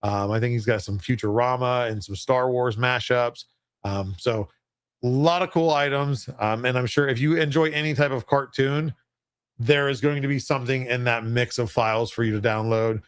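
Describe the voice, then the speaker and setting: A man announces giveaways on a livestream in a casual, off-the-cuff way. His medium-pitched voice is recorded dry and close, and he comes across as chatty and self-deprecating. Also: steady tone, normal speed, smooth, no room sound.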